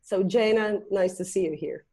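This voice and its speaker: A woman's voice: medium pitch, moderate pace, mellow, husky, rough recording. A woman from Croatia, a school principal, hesitantly introducing herself on a video call. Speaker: principal and curriculum designer. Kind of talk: casual self-introduction.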